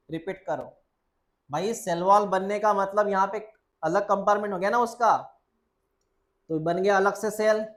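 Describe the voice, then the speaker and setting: A male biology teacher speaking Hindi with English terms in a classroom lecture. He quizzes students with the same question several times and answers it himself, calling them "beta". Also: high-pitched. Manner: repeats key points and quizzes students, answering his own questions; coaxing, calls the listener "beta".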